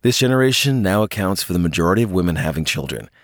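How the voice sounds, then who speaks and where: A man co-hosting a news podcast, reading scripted news in a lively, expressive way. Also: low-pitched, quick pace, no room sound, studio quality. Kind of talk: scripted news narration and banter.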